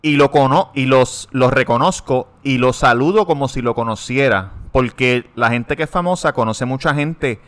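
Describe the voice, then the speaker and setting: A man's voice: medium pitch, normal speed, few pauses, fairly bright tone. A man chatting on a podcast, telling rowdy stories and laughing through them. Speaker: podcast co-host. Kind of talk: casual chat, telling a bawdy anecdote.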